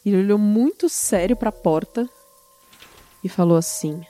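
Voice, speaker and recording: A woman telling a story in a casual chat, animated and often laughing. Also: mid-range voice, a little slow, faint music behind. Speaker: storyteller guest.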